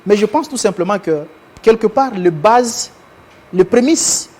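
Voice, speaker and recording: A man from Congo, a guest in a televised interview, speaking in formal, measured phrases and often repeating himself. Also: high voice, animated, darkish tone. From Congo (DRC).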